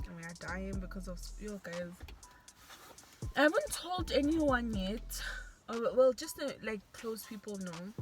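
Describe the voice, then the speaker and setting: A young woman, chatting earnestly and encouragingly with a friend over food. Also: mid-range voice. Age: young adult. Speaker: co-host friend. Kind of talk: casual venting chat while eating.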